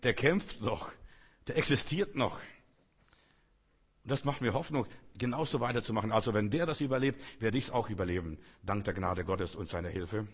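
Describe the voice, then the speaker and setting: A man's voice: on the low side, normal speed, breathy edge. A man preaching a sermon, speaking emphatically with repeated phrases and rhetorical questions addressed straight to his listeners.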